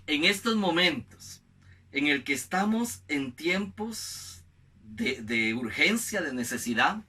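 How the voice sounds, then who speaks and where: A male preacher giving a sermon, telling a scripture story in a lively way and acting out the voices he quotes. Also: fairly high pitch.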